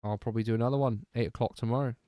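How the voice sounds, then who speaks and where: A man's voice: medium pitch, steady tone, very fast, dark tone, dry recording, studio quality. A sleepy young man chatting casually on a livestream, rambling and trailing off as he talks. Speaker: streamer.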